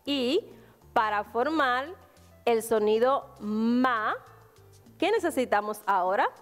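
A woman's voice: fairly high pitch, lively intonation, takes it slowly, big-room sound, faint music behind. A woman with a Dominican Spanish accent teaching a virtual class to young children, spelling out syllables patiently and answering her own questions. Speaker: primary school teacher.

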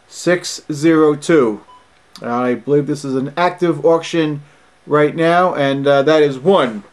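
A middle-aged man giving casual video commentary as an autograph collector, blunt and indignant, reading long item numbers out slowly. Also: a little high.

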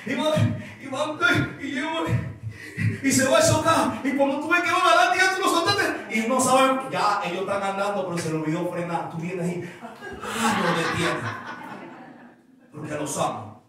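High-voiced pastor preaching in echoey hall. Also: male voice, normal speed. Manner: animated storytelling with a stammer imitation and laughter. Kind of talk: sermon. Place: church sanctuary. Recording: echoey church hall from far off.

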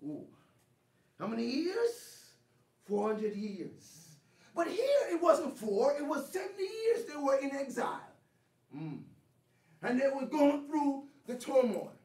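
Woman preacher going back and forth w the church, high voice swinging all over, slow and drawn out, far off mic in a big echoey room. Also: wildly swooping pitch. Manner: call-and-response preaching, rising to shouts. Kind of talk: sermon. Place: church sanctuary. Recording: echoey live church stream, distant mic.

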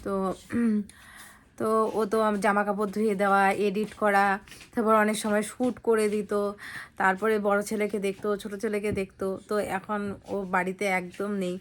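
Soft-spoken young woman vlogging. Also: mid-range voice, level tone, a little fast, a little hiss or hum. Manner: soft-spoken, chatty, addresses viewers directly. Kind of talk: casual vlog narration.

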